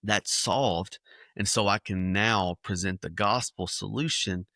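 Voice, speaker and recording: A man, a children's ministry speaker, telling lively illustrative stories in a podcast interview. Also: lowish voice, a little slow, no room sound, studio quality. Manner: animated storyteller acting out scenes.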